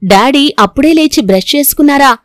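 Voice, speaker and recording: Woman doing a young girl, grieving, plaintive, pleading, high voice, dry close recording. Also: normal speed, no echo, lightly acted. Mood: earnest. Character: young girl grieving her late mother.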